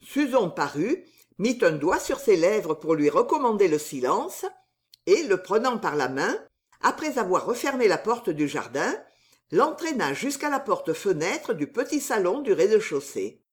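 A woman reading an audiobook aloud as narrator, in slow, expressive scripted narration. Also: mid-range voice.

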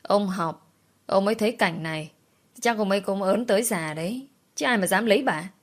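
A woman's voice: medium pitch, moderate pace, natural voice. Woman voicing a blunt, defiant young servant. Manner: firm, cutting.

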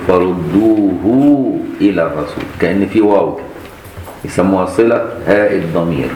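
A man's voice: deep voice, a little mellow. A man with an Egyptian accent, a sheikh teaching Quran recitation variants, demonstrating each reading and quizzing his students. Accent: Egyptian Arabic. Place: mosque. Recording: echoey mosque with faint noise.

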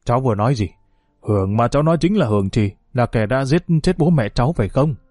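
An elderly grandfather asks anxious, urgent questions, as a man narrating the story puts him on. The voice is mellow and dry, close to the mic. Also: medium pitch, moderate pace, no echo, natural voice. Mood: worried.

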